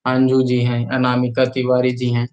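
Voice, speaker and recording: Reading out viewer comments and pushing for likes, this chatty live streamer from Chhattisgarh, India, talks in a medium-pitched, completely flat voice. He speaks at normal speed, with a slightly mellow tone. The recording sounds poor.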